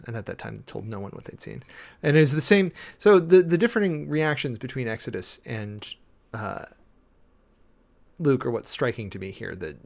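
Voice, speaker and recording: Male preacher, creaky gravelly voice, casual rambling sermon-prep talk with fillers. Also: medium pitch. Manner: rambling, thinking aloud with many fillers and restarts; reads and parses Greek text slowly.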